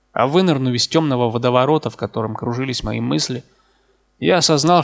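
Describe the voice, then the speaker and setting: Man reading a novel aloud, gravelly, calm and measured, mid-pitch. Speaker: audiobook narrator. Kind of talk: literary audiobook narration.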